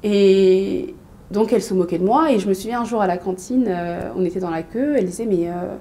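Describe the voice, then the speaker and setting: A woman in her thirties from Mali, a business coach and guest on an interview, speaking casually with many pauses and fillers. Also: mid-range voice. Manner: hesitant, many fillers and restarts, lively storytelling.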